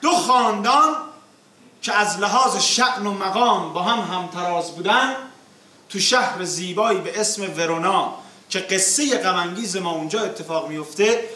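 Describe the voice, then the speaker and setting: Male, epic teahouse storyteller, theatrical declamation, bright forceful high voice, verse and narration. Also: a little hiss or hum. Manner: theatrical, declamatory, chanting verse in drawn-out tones. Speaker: naqqali storyteller. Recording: echoey room, far from the mic.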